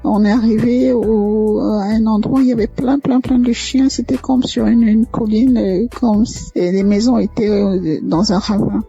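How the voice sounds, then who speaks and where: A woman telling her personal faith testimony, hesitant and halting, full of fillers and restarts. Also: fairly high pitch, steady tone, vocal fry, breathy edge. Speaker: testimony caller. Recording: muffled lo-fi audio with soft music.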